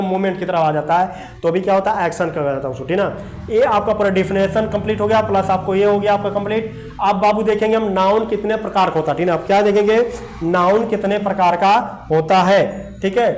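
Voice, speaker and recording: A man's voice: sits high, fairly quick, darkish tone. A male teacher gives a whiteboard grammar lesson, spelling words letter by letter and checking in with the class over and over. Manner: spells words letter by letter, repeats "देखिए" and "ठीक ना". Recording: echoey room with faint background noise.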